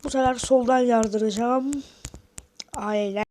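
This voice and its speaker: A woman's voice: on the high side, steady tone, a little slow, darkish tone, a little hiss or hum. A woman giving casual gameplay commentary, talking to viewers and muttering reactions as she plays. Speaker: gaming video host.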